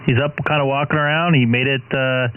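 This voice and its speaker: A man's voice: mid-range voice, steady tone, brisk. A man chatting casually with fellow operators over a ham radio transmission. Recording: narrow-band radio with static, clicks.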